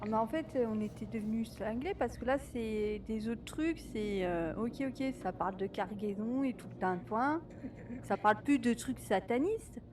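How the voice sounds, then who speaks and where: A woman's voice: fairly high pitch, normal speed. A woman playing a game with a friend, chatty and laughing often. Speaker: co-op gaming partner. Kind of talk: let's play commentary. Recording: distant mic with clear background noise.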